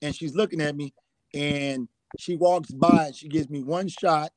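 A man's voice: on the high side, steady tone, unhurried, darkish tone, poor audio. A middle-aged man telling rambling hunting anecdotes as a guest, often repeating "I said.". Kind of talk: storytelling anecdotes.

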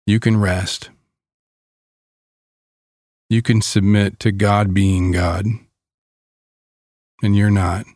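Very slow, calm man guiding meditation. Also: fairly low pitch, dry recording, studio quality. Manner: calm, soothing, gentle delivery with long pauses. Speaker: guided meditation leader.

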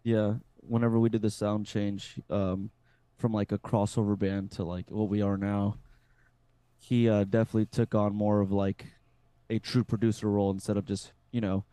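A man's voice: fairly low pitch, flat delivery, normal speed, warm tone, smooth, no room sound. A man in his late twenties with a Texan accent, a band vocalist talking energetically in an interview and repeating himself. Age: 20s. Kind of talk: casual interview.

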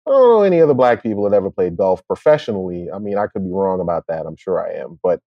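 Relaxed, lower-voiced male co-host. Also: fast, no room sound, muffled recording. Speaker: podcast co-host. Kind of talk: casual chat.

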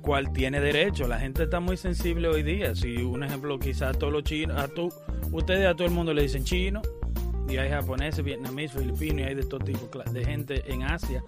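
A man's voice: fairly high pitch, fairly quick, over loud music. Emphatic man commenting over a clip. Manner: emphatic, opinionated, interrupts the clip to explain. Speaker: commentator reacting to an interview clip. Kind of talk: casual commentary.

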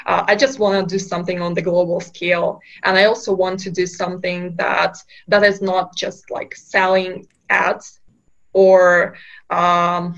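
A woman's voice: on the low side, level tone, unhurried, a bit bright, dull audio. A woman from Kazakhstan, a startup co-founder, answering interview questions with many fillers and restarts.

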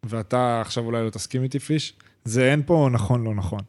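A young man co-hosting a laid-back podcast. He tells his story in rushed, animated bursts and keeps restarting his sentences, with plenty of slang. His voice sits at an ordinary middle pitch. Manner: rapid, animated retelling full of restarts and slang. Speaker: podcast co-host. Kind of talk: casual chat, storytelling.

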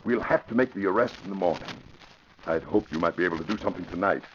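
A low-voiced man speaks quickly, in a fairly ordinary voice with a faint hiss or hum, playing an earnest, authoritative American police commissioner in a classic radio drama. His mood is grave and urgent, and the recording sounds muffled and lo-fi, like vintage radio.

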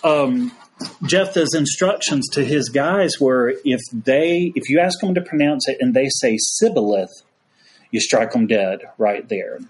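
A man's voice: mid-range voice, expressive, a little slow. A man, a priest as podcast guest, telling a story in a casual folksy way. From United States. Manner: folksy storyteller, frequent "y'all".

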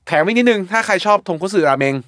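Man, casual podcast guest, blunt and animated, lively swooping pitch, dry close sound. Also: fast, no echo. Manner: animated, blunt, swears casually, acts out his own reactions. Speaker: guest food reviewer.

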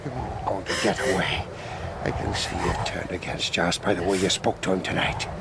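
An actor playing a lecherous, violent wrecker in a radio drama, leering and taunting. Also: male voice, sits low, fairly even intonation, moderate pace, background noise. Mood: wheedling. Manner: leering, taunting, then howling in pain.

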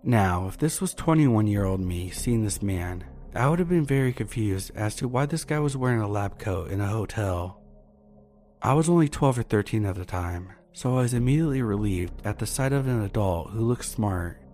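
A man reads true scary stories in a measured, earnest manner. His voice sits on the low side, and soft music plays quietly underneath. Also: animated. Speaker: horror story narrator. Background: faint background music.

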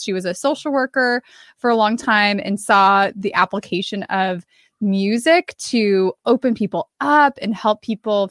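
A woman co-hosting a podcast in casual chat, talking in an excitable, gushing way. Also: medium pitch, no echo, clean studio sound. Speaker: podcast co-host.

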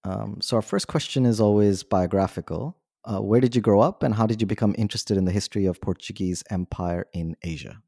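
A man with a low, gravelly voice and a dark, mellow tone hosts an academic book podcast. He asks his questions softly and hesitantly. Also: brisk, hardly any pauses. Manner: soft-spoken, hesitant questioning. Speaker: podcast co-host. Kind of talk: academic interview.

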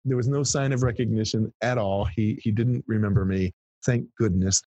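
A lively, husky man in his fifties spins an anecdote for an interview host, his low voice a little breathy and recorded close and dry. He restarts phrases and doubles up his words as the story builds. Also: moderate pace, no room sound, highs cut off. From Texas, US. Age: 50s. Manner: animated storyteller, repeats words when starting phrases. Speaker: guest, PR firm founder.

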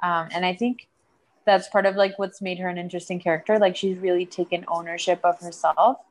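A woman's voice: lowish voice, level tone, a little fast, low-quality recording. A woman co-hosting a podcast in a casual chat about a TV show, talking in loose restarts and laughing often. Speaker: podcast co-host.

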